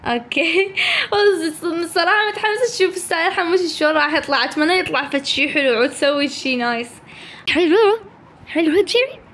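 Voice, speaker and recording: A woman's voice: very high-pitched, expressive, quick pace, a bit bright, a little hiss or hum. A young woman with an Iraqi Arabic accent chatting casually while playing a game, teasing and dropping in English phrases. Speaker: gaming channel host. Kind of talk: casual gameplay chat.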